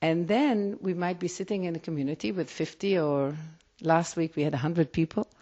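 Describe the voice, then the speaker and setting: Her voice is lowish and dark, and she speaks at a moderate pace in a dull, lo-fi recording. The woman, a rabbi whose first language is Hebrew, answers an interviewer reflectively with an Israeli accent, often restarting mid-sentence.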